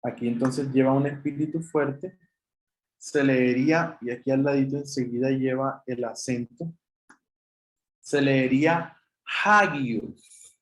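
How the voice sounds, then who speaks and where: A man's voice: mid-range voice, fairly even intonation, measured pace, darkish tone, echoey room, rough recording. A man teaching an online Greek class, explaining patiently step by step and addressing students as brothers, with a Chilean Spanish accent.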